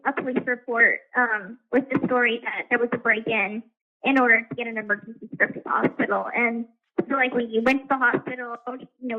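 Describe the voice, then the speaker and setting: A woman speaking from a prison payphone call, talking in a hesitant, rambling way with many fillers. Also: a little high. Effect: prison payphone call over a tinny phone line. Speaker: inmate calling from a correctional facility. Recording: tinny phone line.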